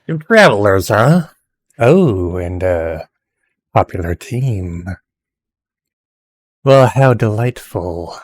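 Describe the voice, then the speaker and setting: A man's voice: fairly low pitch, big pitch swings, takes it slowly, long pauses, no room sound, clean studio sound, full character voice. A man doing a sly, greedy bandit.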